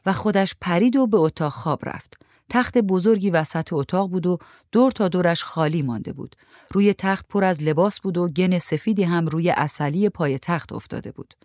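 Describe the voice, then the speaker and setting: A woman narrating a short story in a measured, even reading. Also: lowish voice, no room sound, clean studio sound.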